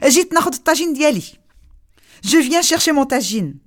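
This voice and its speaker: A simple-minded young man who never takes no for an answer, put on by a woman telling a folk tale. He pleads sweetly and then digs in with a loud, lifted voice. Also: very high-pitched, expressive, measured pace, pitched above the performer's own voice, exaggerated voice. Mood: pleading.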